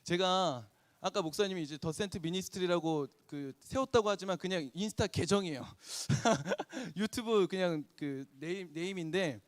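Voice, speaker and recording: Pastor guy in his 40s, high voice swinging all over, preaching in church, dry close sound. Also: normal speed, no echo. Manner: animated, acts out prayers and arguments in voices. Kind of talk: sermon. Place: church sanctuary.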